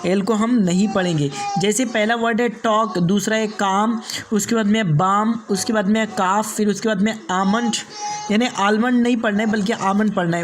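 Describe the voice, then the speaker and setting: A man's voice: high-pitched, slight background noise. A man who hosts a teaching channel, giving a spoken lesson. He repeats each rule, asks and answers his own questions, and spells words out letter by letter. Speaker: English teacher and channel host.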